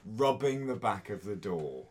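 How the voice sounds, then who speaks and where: Playful man with a lively voice. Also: fairly low pitch, measured pace, loud music behind the voice. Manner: playful, laughs mid-sentence. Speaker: player. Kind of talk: describing his character's actions, casual.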